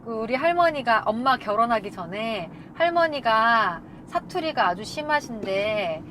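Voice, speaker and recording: A woman from Korea chatting casually as a co-host, animated and laughing. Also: fairly high pitch, very fast. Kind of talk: casual chat. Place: inside a moving car. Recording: faint car noise.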